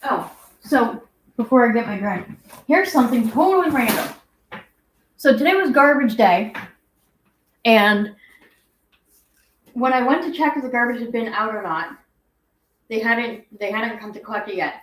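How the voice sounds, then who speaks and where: A woman's voice: fairly high pitch, expressive, moderate pace, long pauses, a little hiss or hum. A young adult woman hosting a casual home livestream, rambling as she reads viewer comments aloud. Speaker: guinea pig channel host. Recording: echoey room.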